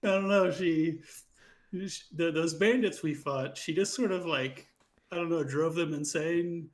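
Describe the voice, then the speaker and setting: A man's voice: fairly high pitch, a little slow, low-quality recording. A man playing a tabletop role-playing game in character, talking loosely and casually, often laughing. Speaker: player.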